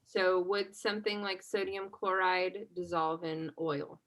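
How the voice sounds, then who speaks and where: Over poor audio, a chemistry instructor with a fairly low female voice runs a laid-back exam review. She keeps putting questions to the students and ends explanations with "right?" to check that everyone understands.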